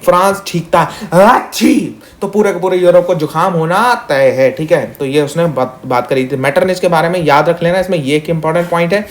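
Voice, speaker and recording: Young man, slightly high voice, quick friendly exam-prep tutor who mixes English into Hindi. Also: steady tone. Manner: chatty, calls students "meri jaan" and "bhaiya", mixes English; talks fast on purpose. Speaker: teacher. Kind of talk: fast exam-revision lesson.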